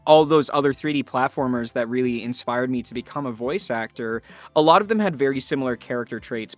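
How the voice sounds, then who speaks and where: A voice actor gives thoughtful, earnest answers in a conversational interview, stressing his key words. His voice is medium-pitched and a bit bright, and the recording is dry.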